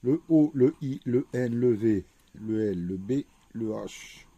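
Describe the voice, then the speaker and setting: Unhurried man, deep and very mellow tone, methodical letter-by-letter commentary, dry close recording. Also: expressive, slightly rough, dry recording, muffled recording. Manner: slow, methodical, spells out letters one by one. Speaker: scratch-card vlogger. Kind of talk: casual commentary while scratching tickets.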